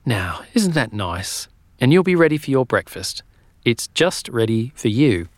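A man voicing a gentle, motherly landlady in a children's storybook reading. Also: mid-range voice, big pitch swings, measured pace, dry recording. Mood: kindly. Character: kindly landlady, a middle-aged woman.

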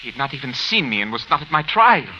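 Speaking fast in a mid-range voice with big pitch swings, this lightly acted performer voices a wronged, anxious and earnest man pleading formally and with careful phrasing. It's 1940s-50s radio drama, heard through a muffled old recording with faint noise.

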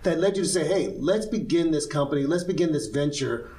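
A man hosts an interview podcast in a fairly high voice. He sounds upbeat and emphatic, and he stretches out his introductions and questions. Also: animated, a little fast, dark tone. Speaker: podcast host. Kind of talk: interview hosting.

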